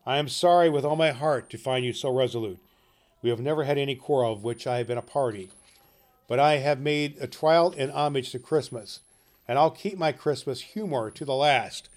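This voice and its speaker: A man voicing a cheerful, warm-hearted young nephew who speaks earnestly and good-humoredly in a storybook reading. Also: mid-range voice, normal speed, close to an everyday voice. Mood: pleading.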